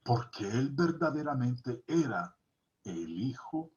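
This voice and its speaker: A man's voice: medium pitch, big pitch swings, slow pace, a little mellow. A man teaching a Bible study lesson, reading scripture aloud and stressing key points by repeating them. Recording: dull lo-fi recording.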